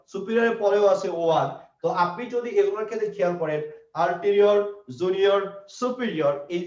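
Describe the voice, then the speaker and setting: Fast, high-voiced man teaching in an echoey room. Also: a little mellow. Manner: repeats points, asks and answers own questions. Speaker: English teacher. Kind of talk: classroom grammar lesson. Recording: echoey, distant, dull lo-fi room sound.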